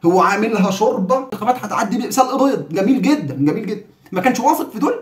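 A man's voice: high-pitched, lively intonation, racing, echoey room. A man with an Egyptian accent giving heated, sarcastic political commentary.

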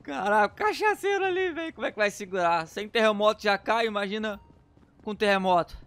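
A man with a Brazilian accent giving excitable gameplay commentary, often shouting and using slang. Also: high voice, a little fast, clear, resonant tone. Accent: Brazilian Portuguese. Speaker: gameplay youtuber.

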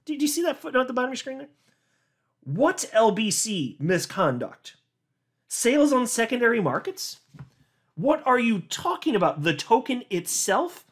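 A man hosting a crypto commentary reads a legal filing aloud and reacts with sarcastic, incredulous disbelief, laughing and often restarting words as he gets worked up. His voice is very high-pitched with big pitch swings, a moderate pace, and a breathy edge.

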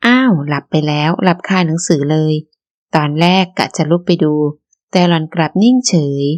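Brief: female audiobook narrator, steady storytelling, lowish voice. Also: no echo, highs cut off. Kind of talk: novel narration.

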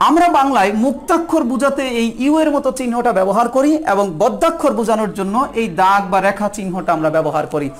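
A woman's voice: a little high, expressive, quick pace, hardly any pauses. A woman from Bangladesh, teaching an exam-prep lesson in a patient, methodical way and sounding words out syllable by syllable. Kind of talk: recorded video lesson.

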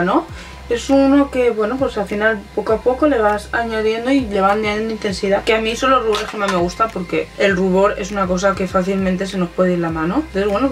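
A young woman talks her way through a makeup tutorial, rambling and hesitant, with lots of "em" and "bueno." She sits a little back from the mic, and soft music plays faintly underneath. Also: medium pitch, recorded from a distance. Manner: chatty, thinking aloud with many fillers and hesitations. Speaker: beauty vlogger. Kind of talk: casual makeup tutorial chat.

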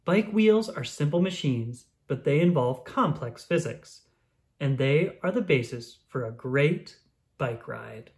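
Speaking a little slowly at a medium pitch, a narrator shares a children's science book aloud, clear and expressive like a bedtime storyteller for young kids.

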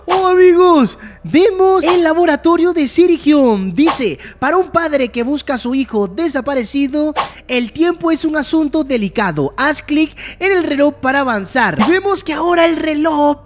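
A gameplay channel host who gives excited commentary, exclaims and jokes at the game, and reads the on-screen text aloud. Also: high voice, normal speed, a little hiss or hum.

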